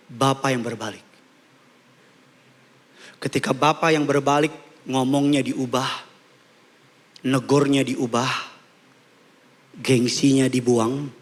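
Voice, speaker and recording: A male pastor preaching a sermon to a church congregation in a humorous, conversational way with quick mimicry. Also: medium pitch. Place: church service before a congregation.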